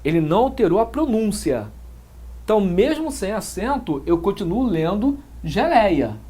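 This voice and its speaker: A man's voice: high voice, big pitch swings, moderate pace, mellow, slightly rough. A man with a Brazilian Portuguese accent teaching grammar in an exam-prep lecture, explaining step by step and often checking in with short tag questions.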